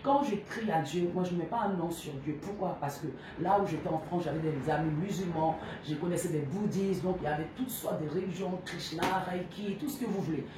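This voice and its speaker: A woman's voice: on the low side, fairly quick, hardly any pauses. A woman giving an earnest, emotional personal testimony with intense, heartfelt delivery. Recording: very echoey, from far off, faint noise.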